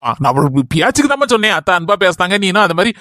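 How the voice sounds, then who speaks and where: A woman's voice: fairly low pitch, very animated, racing, fairly bright tone, dry recording, studio quality. A woman voicing an easygoing young adult son in a cartoon, with a Kanyakumari Tamil accent, coaxing and reasoning with his mother.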